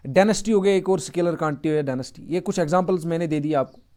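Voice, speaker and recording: A male mathematics lecturer in his thirties with a fairly high-pitched voice. He teaches in a chatty, repetitive way, stopping often to check that students follow. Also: fast talker, a little mellow. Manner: conversational, repeats points and checks understanding. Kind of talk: classroom lecture.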